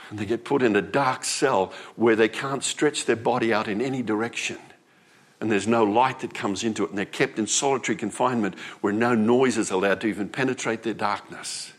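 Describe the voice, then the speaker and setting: Low-voiced man preaching conversationally. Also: brisk. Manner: conversational preaching, with rising emphatic repetitions. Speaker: pastor. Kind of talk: sermon.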